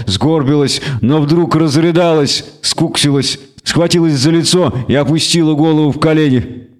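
A man narrates a fantasy novel in a steady, measured reading voice. His pitch sits in the middle range for a man. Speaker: audiobook narrator. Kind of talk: scripted audiobook narration.

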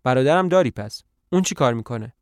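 A man's voice: mid-range voice, lively intonation, dry recording, studio quality, natural voice. A man voicing a weary aging male tramp, impatient yet hopeful, with a reassuring, slightly pleading manner in a podcast play reading.

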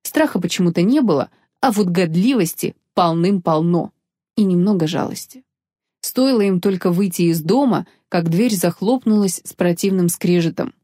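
Warm-voiced woman narrating an audiobook. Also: fairly low pitch, moderate pace, no echo, clean studio sound. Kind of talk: scripted fantasy narration.

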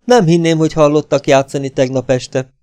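Man doing a shrill Russian violinist. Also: fairly even intonation, mellow, smooth, no echo, clean studio sound, lightly acted. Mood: pompous. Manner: high-pitched, pleading and indignant. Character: excitable vain middle-aged male Russian violinist.

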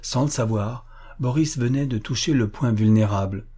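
A man reads a classic novel aloud at a measured, even pace. His voice is mellow and somewhat husky. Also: mid-range voice. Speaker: audiobook narrator. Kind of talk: literary audiobook reading.

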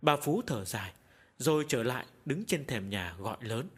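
A man narrating a horror audiobook in a dramatic, expressive storytelling manner. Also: medium pitch, moderate pace, slightly rough.

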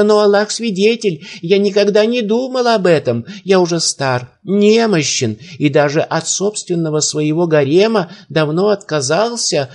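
A man's voice: high-pitched, a little mellow, pitched above the performer's own voice. A man voicing a frightened old male court sage who wails his protests in a quavering voice. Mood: pleading.

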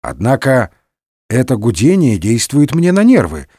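A man's voice: mid-range voice, huge pitch swings, unhurried, mellow, breathy edge, dry recording, clean studio sound, full character voice. Man doing a wry musketeer. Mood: irritated. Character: dry, wry male musketeer.

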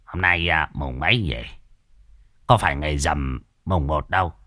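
A man's voice: a bass voice, moderate pace, pushed and bright, dry recording, clean studio sound, voice pushed down, exaggerated voice. A man voicing a greedy, scrawny old village coffin maker who grumbles and brags. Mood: puzzled. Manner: grumbling, boastful, swings from muttering to shrieks.

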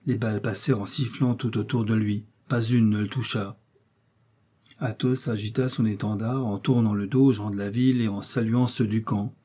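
A man narrating a classic novel as an audiobook in a steady, even storytelling manner. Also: lowish voice, moderate pace, slightly rough.

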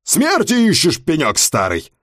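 Man playing a brash cab driver, rough loud talk, hot temper, dry close audiobook sound. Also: on the high side, animated, normal speed, dry recording, voice pushed up, close to an everyday voice. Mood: yelling. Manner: shouting, rough.

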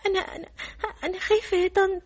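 A woman's voice: very high voice, steady tone, very fast. An actress playing an emotional young woman who pleads tearfully, in an Egyptian accent, in a radio drama. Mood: tearful pleading. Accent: Egyptian Arabic.

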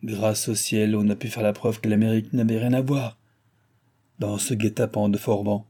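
A man's voice: fairly low pitch, flat delivery, normal speed, dark tone, lightly acted. A man voicing a tall, bony American doctor who speaks French with a guttural foreign accent, placid but firm and grumbling. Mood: phlegmatic.

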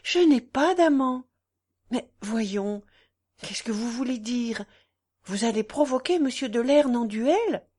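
An earnest young wife in an audiobook, read by a woman, fairly high-voiced and lively in melody. She pleads and defends herself with wounded sincerity. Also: takes it slowly, breathy edge, heavily acted. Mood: gentle.

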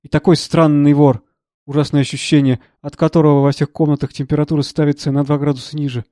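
A man reading the part of a troubled, gentle elderly professor who speaks earnestly and with agitation. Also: a little high, flat delivery, fast talker, no room sound, studio quality, close to an everyday voice.

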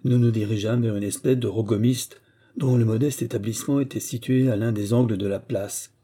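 Dark, husky male audiobook narrator. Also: fairly low pitch, fairly even intonation, a little fast.

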